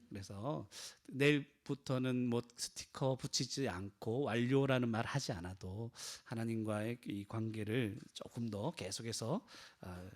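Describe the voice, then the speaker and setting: A man preaching a sermon in a conversational style, often asking the congregation questions. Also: medium pitch. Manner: acts out quoted cries with a raised voice. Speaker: pastor.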